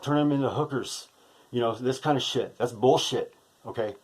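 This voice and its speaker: A man's voice: mid-range voice, moderate pace, slightly rough. A shaken man delivering an impassioned, profane monologue to camera, often ending phrases with a tag question. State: emotionally shaken. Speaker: vlogger.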